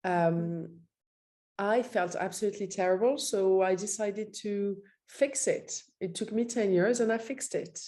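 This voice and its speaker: A middle-aged woman from Morocco answers interview questions as a nutritionist guest. She speaks directly and matter-of-factly at a medium pitch, with a warm, mellow tone. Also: a little slow. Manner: direct, matter-of-fact storytelling.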